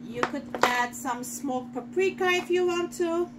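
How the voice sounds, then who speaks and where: A woman's voice: extremely high pitch, a little slow, heavy background noise. A middle-aged woman giving a casual cooking demonstration in her home kitchen, chatting to viewers as she works. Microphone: fixed camera in front of the counter.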